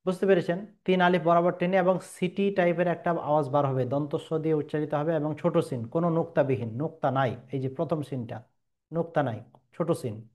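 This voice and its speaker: A man with a slightly high voice gives a slow, patient pronunciation lesson. He sounds out each letter again and again, stretching the vowels and checking that the listener understands. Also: fairly even intonation, a little mellow. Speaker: Quran recitation teacher.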